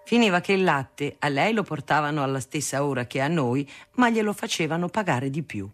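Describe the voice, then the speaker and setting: A reader narrating a family memoir aloud in a measured storytelling manner. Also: medium pitch, lively intonation, soft background music. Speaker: audiobook reader. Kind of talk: reading a memoir novel aloud.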